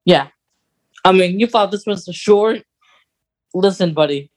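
Speaking a little slowly at medium pitch, this podcast co-host offers opinionated takes on movies and radio plays. The talk is casual and emphatic, like an easygoing chat.

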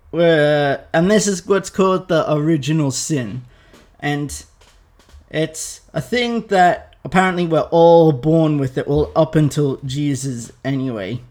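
A young man talks slowly in a slightly high voice, retelling a story for his viewers. His tone is irreverent and chatty, with loose fillers and casual swearing. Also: a little mellow. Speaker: vlogger.

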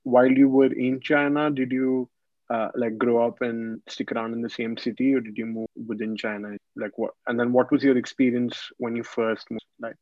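A man hosting a podcast, asking halting questions with lots of fillers and some teasing. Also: medium pitch, flat delivery, no room sound, dull audio. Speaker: podcast host. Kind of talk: casual interview.

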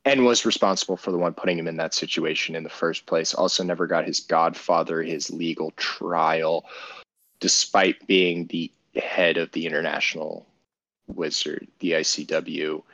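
A man's voice: very deep voice, steady tone, moderate pace, creaky, a bit bright, dry recording, lo-fi sound. A man co-hosting a casual podcast, retelling a story in a profane, rambling way with many restarts. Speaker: podcast co-host.

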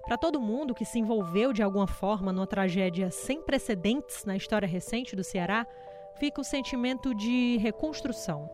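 A woman narrating a news report in a measured, solemn way. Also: mid-range voice, animated, over music.

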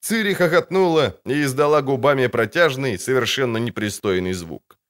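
A man narrates an audiobook from a script, telling the story expressively at a normal speed with a medium-pitched voice.

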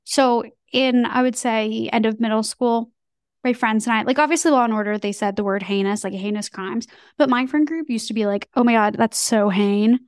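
A young woman co-hosting a casual podcast chat, talking in an animated way with many fillers. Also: on the high side, normal speed, clear, resonant tone, no room sound, studio quality. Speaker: co-host. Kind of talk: casual chat, reads news in a newscaster voice.

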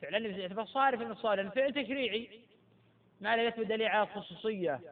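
High-voiced sheikh lecturing over a tinny line. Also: male voice, rapid-fire. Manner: quizzes students and repeats key points. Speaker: sheikh teaching Islamic jurisprudence. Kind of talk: classroom lecture with questions to students. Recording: tinny phone-like lecture recording.

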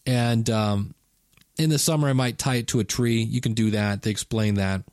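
Speaking at a moderate pace in a mid-range, darkish voice, this podcast host in his fifties talks alone in a chatty, rambling manner, fixing his words as he goes. The recording is dry and studio-clean.

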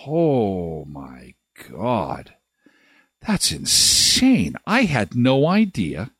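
A man's voice: mid-range voice, a bit bright, no echo, clean studio sound. A man hosting a live morning show, joking and rambling with lots of fillers. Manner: jokey, rambling, many fillers. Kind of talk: casual live show chat.

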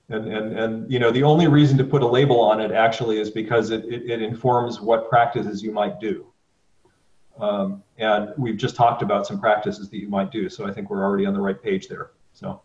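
A man facilitating a meditation meetup discussion in a relaxed, affirming way. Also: lowish voice. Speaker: meditation group leader. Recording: roomy, distant, dull mic sound.

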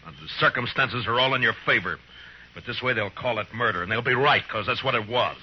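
An actor playing a stern, weary American Old West marshal in a radio western, terse, firm and plain-spoken. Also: male voice, mid-range voice, a little fast, breathy edge, natural voice. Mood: grave, firm. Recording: muffled, noisy vintage radio recording.

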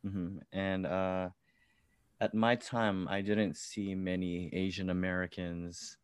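A man's voice: sits low, little pitch movement, slow, clear, resonant tone, dry recording. A man who grew up in California and is a songwriter, giving casual interview answers with many fillers and restarts. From born in the Philippines, grew up in California. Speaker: musician, songwriter.

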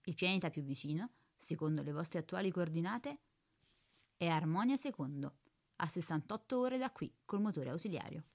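A woman voicing a calm, precise spaceship computer in a radio drama, speaking in a flat, formal, bureaucratic way. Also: on the low side, moderate pace.

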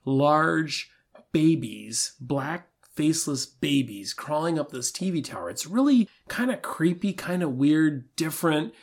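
A man co-hosting a travel podcast, talking in a relaxed, easygoing way and laughing at himself. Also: on the high side, a little slow. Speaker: podcast co-host. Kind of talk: casual travel podcast chat.

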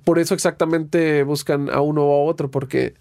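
A young Mexican man, a guitarist and producer being interviewed, telling relaxed, rambling stories full of slang and restarts. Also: on the high side, brisk, gravelly, no echo, clean studio sound. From Guadalajara, Mexico. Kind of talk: casual conversational interview.

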